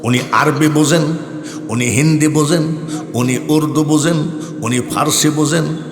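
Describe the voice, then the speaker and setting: Older male preacher, booming hall echo. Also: measured pace, music in the background. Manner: swings between loud declaiming and soft asides, acts out dialogue. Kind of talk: Bengali waz sermon with storytelling. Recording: echoey hall with long reverb.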